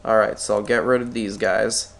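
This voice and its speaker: This man sits on the low side, with a steady tone, vocal fry and normal speed. A stock market analyst nursing a stuffy head cold, he clears his throat while thinking aloud in a screen-recorded chart tutorial, frequently correcting himself as he draws.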